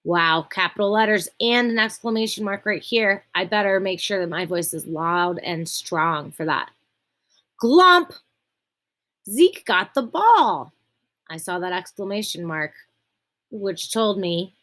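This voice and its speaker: Young woman teacher doing an online reading lesson for kids, patient, slow and clear, reads out lines with lots of expression. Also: on the low side, bright, forceful tone. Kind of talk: remote reading lesson for children.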